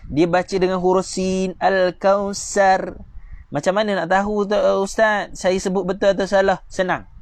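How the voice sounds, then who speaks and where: A man with a Malaysian Malay accent teaching Quran reading online, patiently drilling pronunciation and chanting verses slowly. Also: high voice, flat delivery, no echo. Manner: patient, repetitive pronunciation drilling, addresses viewers directly; slow drawn-out chanting for recited verses.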